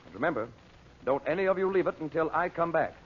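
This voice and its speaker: An actor playing a commanding, protective American magician in an old-time radio adventure serial, speaking briskly with authority. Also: male voice, a little high, animated, faint music behind, close to an everyday voice. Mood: firm, urgent. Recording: dull, noisy old radio recording.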